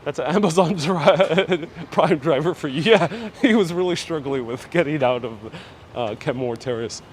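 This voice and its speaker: A somewhat high-voiced man at a moderate pace streams a chatty live walking tour outdoors on city streets, politely replying to viewers. His mask muffles him slightly. The clip-on mic he wears picks up street ambience and passing vehicles.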